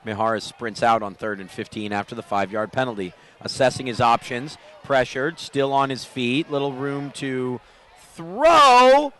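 A man calling a football game play by play, rising into excited calls on big plays. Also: medium pitch, measured pace. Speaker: play-by-play announcer. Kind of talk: live football commentary.

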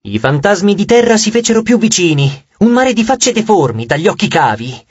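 A man's voice: sits high, sing-song, brisk, husky, no echo, lo-fi sound. A man narrating an audiobook with dramatic, scripted storytelling.

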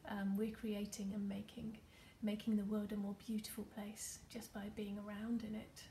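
Woman, meditation leader: soft, unhurried, slightly gravelly voice, level delivery, faint background noise. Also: medium pitch, completely flat delivery. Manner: soft, gentle, many fillers; often drops to a near whisper. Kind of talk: guided craft meditation. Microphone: computer or phone camera.

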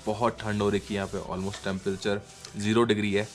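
Filming on a handheld camera along mountain roads and through villages, a thirtysomething man vlogs in a lowish voice that barely moves in pitch and runs a little fast. His talk to camera is casual and warm, and he greets viewers and locals alike as "brother."

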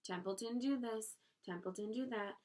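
A woman's voice: fairly high pitch, moderate pace, darkish tone, lightly acted. A woman reading aloud, voicing a lazy, selfish male rat who talks in a sarcastic, mocking drawl.

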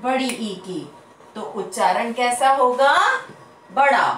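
A woman primary school teacher giving a slow lesson to children, drawing out words in repeated drills and asking the class questions. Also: a little high, fairly bright tone, slight background noise. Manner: drawn-out sing-song word drills, asks questions to pupils. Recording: echoey room, voice from a distance.

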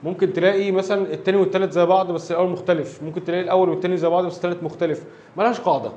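A man's voice: high-pitched, fairly even intonation, very fast, a little mellow, muffled recording. A man with an Egyptian Arabic accent teaching an English grammar lesson, explaining step by step and often checking that his listeners follow.

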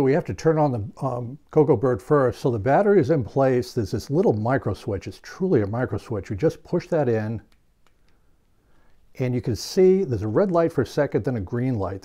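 A man's voice: mid-range voice, warm tone. An older man giving a hands-on product tutorial in his home workshop, explaining steadily and stressing key points. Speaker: hobby reviewer.

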